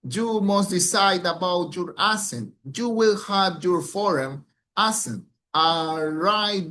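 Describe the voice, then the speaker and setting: A man's voice: fairly high pitch, fairly bright tone, a little hiss or hum. A man who is an English language student gives a recited exam presentation, speaking carefully with small slips and restarts.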